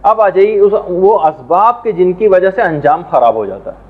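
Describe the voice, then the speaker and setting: A man teaching a religious lesson in a measured, explanatory way, now and then reciting Arabic prayers and verses. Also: high-pitched, animated. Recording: tinny phone-like sound.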